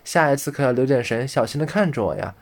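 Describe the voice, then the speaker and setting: A man voicing a bold, cheeky thumb-sized boy in a storybook reading, calling out loudly. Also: medium pitch, animated, quick pace, vocal fry. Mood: chatty.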